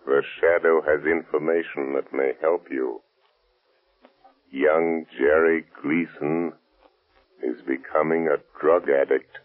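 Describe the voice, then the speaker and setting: The Shadow, very deep, sinister avenger. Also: male voice, steady tone. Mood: taunting, ominous. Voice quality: gravelly, sinister. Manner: slow, mocking, theatrical. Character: The Shadow, menacing invisible male avenger, mocking and sinister. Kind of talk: 1930s radio acting. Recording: muffled old 1930s radio recording.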